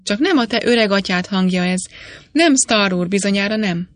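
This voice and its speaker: A woman voicing an older male mining engineer, speaking in a measured, fatherly way. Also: medium pitch, animated, no room sound, close to an everyday voice.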